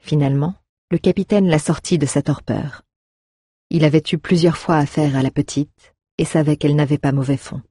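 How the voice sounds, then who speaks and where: A woman narrates an audiobook with an expressive, storytelling delivery. Her voice is somewhat husky, and the recording is dry and close. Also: low voice, normal speed, no room sound.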